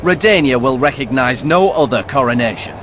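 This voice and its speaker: A man's voice: mid-range voice, expressive, brisk, background noise, close to an everyday voice. A man playing a haughty, sardonic king in a video game, speaking with theatrical condescension. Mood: scornful. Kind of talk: video game dramatic dialogue.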